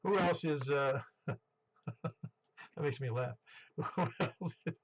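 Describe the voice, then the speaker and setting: A man in his seventies speaks over a dull, band-limited ham radio. His voice sits a little high for a man and is full of gravelly creak. He runs the net check-in casually, chatting and rambling in an easygoing way. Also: extremely slow, noisy background. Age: 70s. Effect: two-way radio transmission. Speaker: amateur radio net controller.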